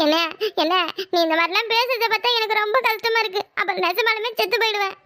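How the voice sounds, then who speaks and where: Brief: a coaxing, defensive cartoon sister, Kanyakumari Tamil accent, bright and fast. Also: female voice, extremely high pitch. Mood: pleading. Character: pleading loyal younger sister, young woman. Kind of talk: cartoon voice acting.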